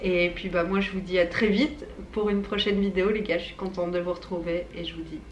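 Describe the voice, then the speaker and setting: A woman's voice: on the low side, fairly even intonation, brisk. Young woman with braces, echoey room. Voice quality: speaks with dental braces. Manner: informal, slangy, chatty. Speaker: YouTuber and small business owner. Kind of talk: casual unscripted chat to viewers. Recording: echoey room, faint background noise.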